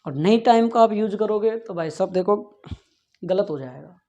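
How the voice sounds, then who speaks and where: Speaking at normal speed, a male physics teacher with a high, expressive, warm voice lectures his class and makes an earnest, pleading appeal, repeatedly asking if they follow and saying "yaar". The setting is a classroom with a board, heard through a dull lo-fi recording.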